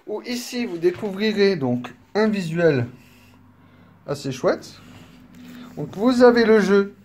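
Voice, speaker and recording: A man casually presenting a collector's edition, chatty and apologetic, filling pauses with little interjections. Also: sits high, a little mellow. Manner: unhurried, chatty, filler-heavy with frequent "hop" and "donc"; apologetic and self-deprecating. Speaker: unboxing video creator. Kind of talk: casual unboxing commentary. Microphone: camera mic, filming one-handed.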